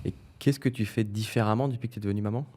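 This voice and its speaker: A man hosting a podcast interview, asking questions in a relaxed, playful way. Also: fairly low pitch, rapid-fire. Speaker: podcast host.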